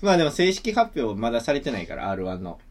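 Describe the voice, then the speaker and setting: A man's voice: medium pitch, big pitch swings, fast talker, noisy background. A young man with a Kansai accent, chatting casually as a comedy duo co-host, trailing off into fillers as he tells a story. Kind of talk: casual chat.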